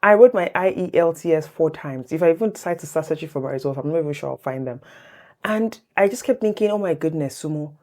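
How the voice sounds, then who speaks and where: Talking fast in a low, mellow voice, a woman in her thirties tells a casual vlog story about her exam, offering tips along the way. She's a native English speaker who keeps things animated and chatty, laughs readily, and addresses her audience as "guys."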